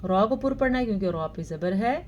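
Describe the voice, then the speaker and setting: A woman teaching Quran recitation, explaining pronunciation rules and reciting verses very slowly with drawn-out sounds. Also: medium pitch, animated, slight background noise. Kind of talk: tajweed lesson with slow recitation.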